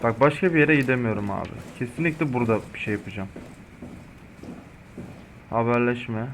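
A man's voice: mid-range voice, brisk. Young turkish guy doing let's play commentary, cusses a ton, gets scared easy, noisy background hiss. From Turkey. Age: 20s. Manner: jumpy, swears a lot, frightened outbursts. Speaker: gaming channel host.

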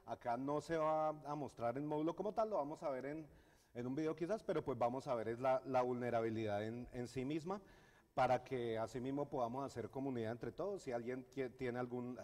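Speaking briskly in a mid-range, slightly mellow voice, a middle-aged Colombian man gives a technical conference presentation marked by hesitation, fillers, and restarts. It takes place in a university lecture hall with an audience, and hall reverb colors the sound.

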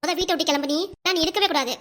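A woman's voice: very high-pitched, racing, a bit bright. A woman voicing a scheming, bossy young wife in a cartoon comedy, with a southern Tamil Nadu accent and a scornful, taunting manner. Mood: angry. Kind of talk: cartoon comedy sketch acting.

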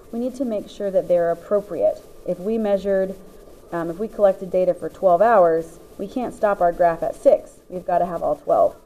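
A woman with a lowish, warm voice patiently walks a class through the parts of a graph step by step, writing notes as she talks. The audio quality is poor.

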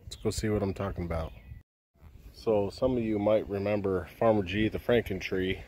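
A man in his thirties vlogging outdoors in a rural backyard, talking in a subdued, halting way with frequent pauses, into a phone held at arm's length. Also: fairly low pitch, steady tone, darkish tone, slight background noise. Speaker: homestead vlogger. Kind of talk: casual vlog talk. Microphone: phone camera held at arm's length.

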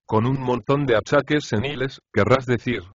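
A man's voice: mid-range voice, moderate pace, no room sound, highs cut off, natural voice. A man voicing a brash, mocking male house slave in an audiobook of a comic play. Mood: taunting. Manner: cheeky, taunting.

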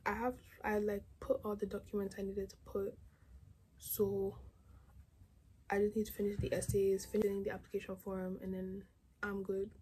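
In a casual vlog shot on a phone held at arm's length, a teen girl rambles to the camera from her bedroom about what she's planning, peppering her speech with "like." She speaks at a normal speed in a mellow, monotone, mid-range voice with some breathiness.

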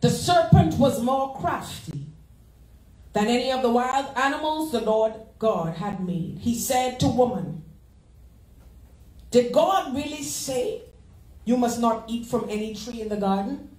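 Woman associate pastor, high voice, lively preaching, roomy sanctuary sound. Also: a little slow. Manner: preaching with call-and-response, animated and laughing. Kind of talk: sermon. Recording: echoey church sanctuary.

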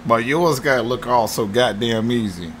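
A man giving casual, profane gameplay commentary, swearing and shouting at the game as he plays. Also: medium pitch, normal speed, a little hiss or hum. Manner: profane, excitable, yelling outbursts at the game. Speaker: gaming commentator. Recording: game music loud behind voice. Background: game music.

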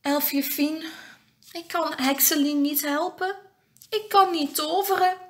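A woman's voice: high-pitched, slow pace, a bit bright, pitched above the performer's own voice. Woman doing a fretful little storybook hero. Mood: plaintive. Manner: earnest, pleading. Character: gentle worried little male storybook companion.

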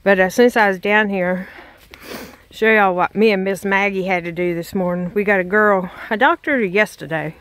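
Standing by the chicken pen on her farm, a middle-aged Southern woman from Texas chats to a handheld phone camera in a folksy, filler-heavy vlog. Her medium-pitched voice is fairly bright and fairly even, at normal speed, with no echo.

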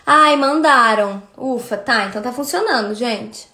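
A woman's voice: on the high side, unhurried, pushed and bright. A woman in her thirties with a Brazilian accent, chatting casually on a livestream and thanking viewers by name. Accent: Brazilian Portuguese. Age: 30s. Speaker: livestream host.

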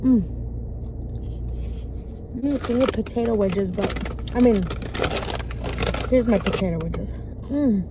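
A young woman chatting to her viewers with her mouth full of food, speaking slowly and unhurried. Her talk is loose and chatty, and she keeps calling the listener "girl". Noticeable car noise hums behind her. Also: fairly high pitch. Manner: chatty, says "girl" often. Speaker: vlogger. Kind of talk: casual vlog chat to viewers.

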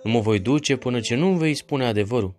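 A man voicing a calm, fearless warrior saint in a read-aloud legend, speaking firmly and reassuringly. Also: mid-range voice, natural voice. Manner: firm, reassuring.

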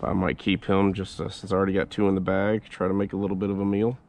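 Low-pitched and gravelly, this man talks fast with slight noise behind him. He's out kayak fishing on a swampy creek, filming on a head-mounted action camera and chatting easily with plenty of swearing.

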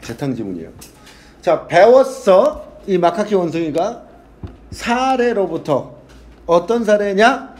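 A male English teacher lectures a classroom in a loose, casual way. His voice sits high and swings widely in pitch. He reads passages slowly, translates them, and swears bluntly at his students. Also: very animated, a little mellow.

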